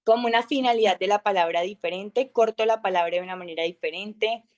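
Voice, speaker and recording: Loud, lively young woman teaching. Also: fast. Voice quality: high, loud speaking voice. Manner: loud, lively, with acted-out examples and fillers. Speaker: speaker of an online masterclass. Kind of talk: informal talk on communication.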